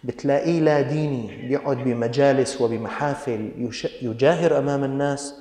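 A man's voice: mid-range voice, a little fast, mellow. A man with a Levantine Arabic accent preaching a sermon, scolding his listeners with pointed rhetorical questions. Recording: echoey hall.

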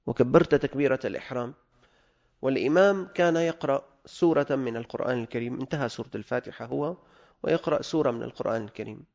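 Levantine guy teaching religious law, gravelly voice, reads the text then explains it, dull lo-fi sound. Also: mid-range voice, darkish tone. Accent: Levantine Arabic.

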